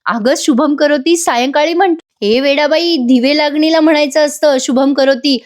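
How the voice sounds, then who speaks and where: A woman voices a caring young wife from a family TV serial. She scolds gently and reassures in a slightly high voice. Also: normal speed, natural voice. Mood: reassuring.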